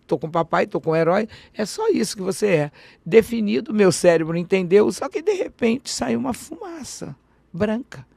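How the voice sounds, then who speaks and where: A woman, a guest on a podcast interview, telling a personal story in an animated way, acting out dialogue and often restarting her sentences. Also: medium pitch, normal speed, creaky, dry recording.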